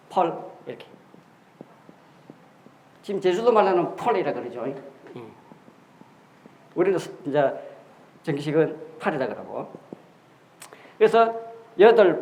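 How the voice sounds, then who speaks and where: A man's voice: high voice, expressive, normal speed, long pauses, darkish tone. A man giving a classroom lecture on history and characters, explaining step by step with rhetorical questions and repeated key words. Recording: echoey room.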